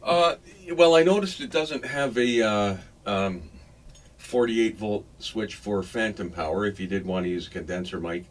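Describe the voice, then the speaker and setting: A man with a lowish voice speaks at an ordinary pace as he casually reviews music gear. The unboxing demo is hesitant and off the cuff, recorded in a clearly noisy room.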